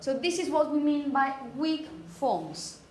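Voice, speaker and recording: A woman's high, sing-song voice with a darkish tone unfolds unhurriedly as she teaches phonetics, explaining and emphasizing example words and checking in with her students frequently. It was recorded in an echoey indoor classroom with background noise.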